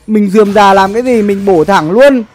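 A man's voice: high-pitched, moderate pace, soft background music. A young man chatting casually on a gaming livestream, slangy and sweary, often repeating his phrases. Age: young adult. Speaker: livestream gamer. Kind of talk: casual livestream chat with game commentary. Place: indoor streaming setup.

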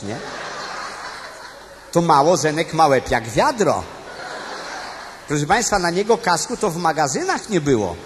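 A man's voice: fairly high pitch, a little hiss or hum. A man performing a live cabaret monologue, chatting straight to the audience in a storytelling manner with tag questions. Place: stage before a live audience. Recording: live stage recording with long hall reverb and music.

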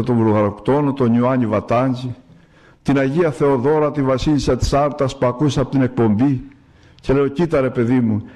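A man's voice: on the high side, a little mellow. A man in his seventies from Greece, an archimandrite giving a radio sermon that tells stories and asks rhetorical questions. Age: 70s. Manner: storytelling homily with rhetorical questions and acted quotes. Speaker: archimandrite priest. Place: radio studio.

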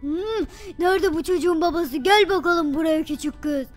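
A woman's voice: very high voice, moderate pace, pitched below the performer's own voice. A woman voicing a stern male police officer who scolds a child.

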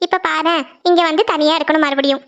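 A woman's voice: high voice, steady tone, fast talker, a bit bright, muffled recording. A woman voicing a worried, sad middle-aged mother in a cartoon, talking in a weary, complaining way. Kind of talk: cartoon voice acting.

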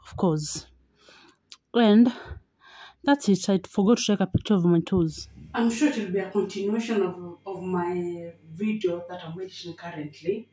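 A woman's voice: lowish voice, warm tone, husky, no echo. A woman in her thirties, from Kenya, narrating her weekly home vlog in a chatty way and often repeating words for emphasis. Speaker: vlogger. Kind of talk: casual vlog voice-over. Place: home kitchen, indoors.

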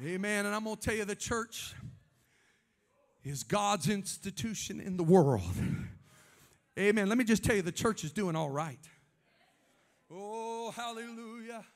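A man preaching a Pentecostal sermon in a church, swinging between fervent shouts and hushed asides and calling on the congregation for amens. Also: sits high, animated, measured pace, pauses often. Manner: calls on the congregation for amens and responses. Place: church sanctuary before a congregation.

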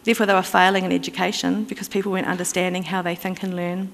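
Her voice is lowish and her delivery flat and very fast as she talks through a conference presentation, using fillers and restarting sentences. There's slight background noise, and the conference hall sounds reverberant.

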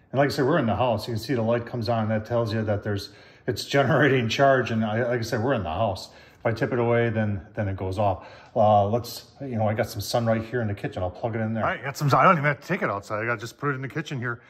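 Speaking at a medium pitch, an older man casually reviews a product from his kitchen at home. He keeps his phone camera nearby and talks in a folksy way, calling his audience "folks."

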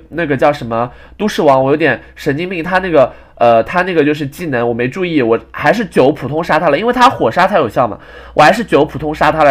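Fast, animated young man ranting. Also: on the high side. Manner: ranting, exasperated retelling with frequent restarts. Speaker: game commentator. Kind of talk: casual gameplay storytelling.

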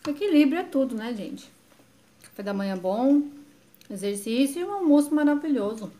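A woman's voice: high-pitched, animated, moderate pace, dark tone, a little hiss or hum. A woman with a Brazilian Portuguese accent, chatting casually to viewers in a home vlog filmed on a handheld phone. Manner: chatty, addresses viewers directly. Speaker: vlogger.

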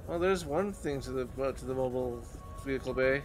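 A man's voice: mid-range voice, a little fast, background noise. A man in his thirties giving casual commentary while playing a video game in a small room. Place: small indoor room, on webcam. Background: game music.

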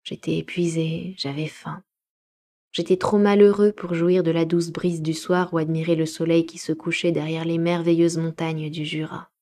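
Woman reading an audiobook, dark low voice. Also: flat delivery, normal speed. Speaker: audiobook reader. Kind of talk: live audiobook narration.

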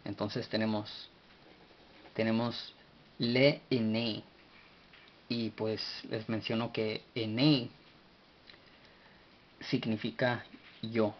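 Guy teaching a study class real slow, thinks out loud, fixes his own slips, bit muffled recording. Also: on the low side, little pitch movement, a little hiss or hum. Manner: slow and searching, spelling out letters, self-correcting, chuckles. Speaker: teacher of a religious study group. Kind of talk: unscripted study lesson.

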